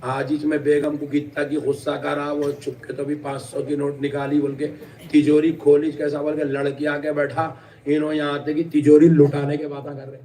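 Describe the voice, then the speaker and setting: Male preacher, rhythmic storyteller who builds to shouts; slightly high voice, mic well off. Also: monotone, distant mic, slight background noise. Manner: rhythmic repetition of phrases, rising to shouted emphasis. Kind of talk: religious sermon with storytelling.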